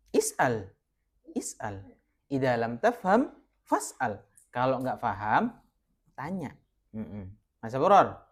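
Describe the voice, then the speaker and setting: A male Arabic teacher runs a classroom lesson, calling on students one by one. He speaks slowly and patiently, with a lively, rising and falling voice. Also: on the high side. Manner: patient, quizzing students by name, switching between Arabic and Indonesian.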